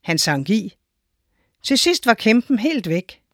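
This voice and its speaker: Female narrator for a children's story, clear and measured; dry close recording. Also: mid-range voice, sing-song, no room sound.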